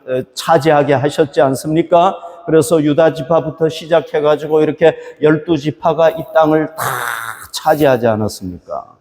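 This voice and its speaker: A man's voice: fairly high pitch, warm tone, big-room sound. A male pastor preaching a sermon, asking rhetorical questions and rising for emphasis. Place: church hall.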